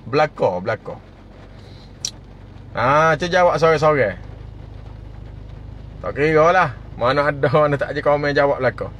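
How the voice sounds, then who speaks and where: A man's voice: a little high, lively intonation, a little slow, pauses often, a bit bright, highs cut off, slight background noise. A man hosting a casual live stream, greeting viewers by name and chuckling often.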